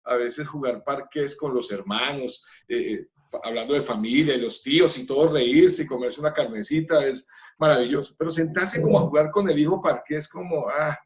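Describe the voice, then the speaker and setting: A man's voice: mid-range voice, normal speed. A man from Colombia, a pastor, speaking earnestly about family in a church workshop talk, with light laughs.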